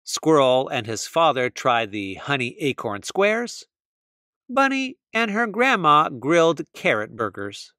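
A man reading a children's picture book aloud, slow and expressive. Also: a little high, no room sound, clean studio sound. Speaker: storybook reader. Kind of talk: children's read-aloud narration.

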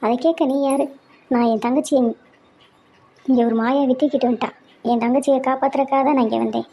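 A woman's voice: sits high, steady tone, a little fast, husky. A woman doing a defiant brave heroine. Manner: defiant, sharp. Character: brave defiant young woman rescuing her sister.

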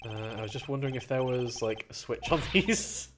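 A let's play gamer reading game dialogue aloud and commenting on the playthrough, playful and jumping into higher character voices. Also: lively intonation, moderate pace, noisy background.

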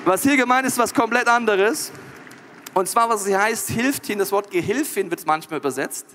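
A male pastor preaching a lively, joking sermon and talking directly to the crowd. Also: high-pitched, moderate pace, slight background noise.

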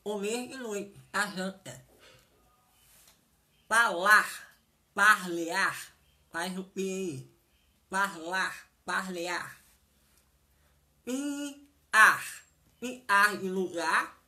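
A woman's voice: mid-range voice, animated, extremely slow, long pauses, sharp tone. A woman teaching sign language vocabulary, saying each word and repeating it, often checking whether the class has understood.

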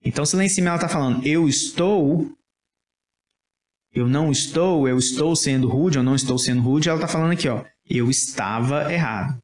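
A man's voice: a little high, a little fast, darkish tone. A man with a Brazilian Portuguese accent, teaching English in a casual lesson and patiently checking that listeners follow. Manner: explains patiently, checks understanding often with "tá?". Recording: roomy echo.

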